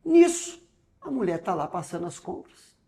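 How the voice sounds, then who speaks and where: A man with a Brazilian Portuguese accent, a pastor telling a personal testimony in an interview, acting out the dialogue and swinging between loud and hushed. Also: sits high, big pitch swings, normal speed.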